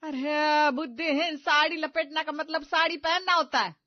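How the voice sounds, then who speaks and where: A woman voicing an exasperated middle-aged mother-in-law who scolds loudly in a cartoon story. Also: mid-range voice, moderate pace, dry recording, muffled recording, natural voice. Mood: scolding.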